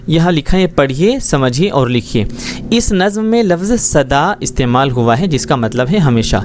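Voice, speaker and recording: A man's voice: on the high side, expressive, a little hiss or hum. Patient man teaching an Urdu lesson. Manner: patient, explains slowly with frequent check-ins. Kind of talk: textbook lesson explanation.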